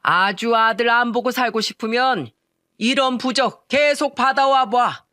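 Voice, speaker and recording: A woman voicing a stern older father-in-law in a spoken story, slow, loud and commanding. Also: on the high side, no echo, clean studio sound. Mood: angry.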